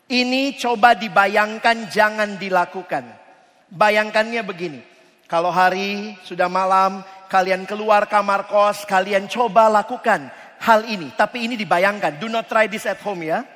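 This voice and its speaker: A man giving a lively youth sermon, joking with the crowd and asking it questions. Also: high voice, normal speed. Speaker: preacher. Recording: long hall reverb.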